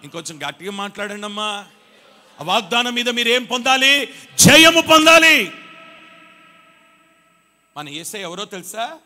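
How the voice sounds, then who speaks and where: A male pastor delivers a Sunday sermon in a high-pitched, bright voice. He moves from quiet, confiding storytelling to fervent shouted exhortations, pressing his listeners to answer back. The live recording carries a long church-hall reverb. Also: animated, a little fast. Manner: rises from quiet storytelling to shouted exhortation, urging the congregation to respond.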